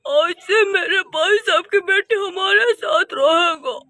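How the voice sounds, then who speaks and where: A woman's voice: extremely high pitch, takes it slowly, pushed and bright, no echo, heavily acted. A woman voicing a kind, doting middle-aged village father in a cartoon, speaking in a soothing, affectionate way. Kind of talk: cartoon voice acting.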